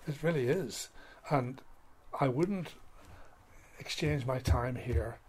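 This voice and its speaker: A man's voice: medium pitch, darkish tone, breathy edge. Older man recalling school days. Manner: halting, many restarts and fillers, playful when telling a prank. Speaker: retired school principal. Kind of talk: interview storytelling.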